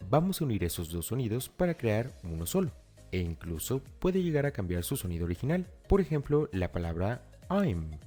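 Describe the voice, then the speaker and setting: A man with a low, mellow voice narrates a scripted lesson. His pitch moves a lot as he explains each step and talks straight to the learner. Soft music plays faintly behind him. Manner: clear, step-by-step explaining, addresses the learner directly. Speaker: English teacher.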